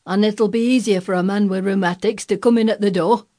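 A woman's voice: medium pitch, steady tone, a little fast, dark tone, voice pushed up, natural voice. A woman voicing a crabbed but tender old Yorkshire gardener, a man with a dry, grumpy, shrewd way of talking. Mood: grumpy, obstinate. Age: older.

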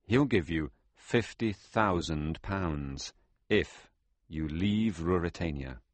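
A cold, calm henchman who makes smooth offers in a soft, measured tone, as a male narrator puts him on. His voice is very deep. The sound is close and dry. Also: dry recording. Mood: coaxing.

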